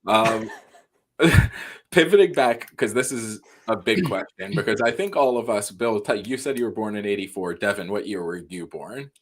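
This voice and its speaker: A man's voice: on the low side, expressive, normal speed. A man in his thirties with a Long Island accent, a podcast host asking teasing questions in a laid-back way. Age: 30s. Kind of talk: casual podcast chat.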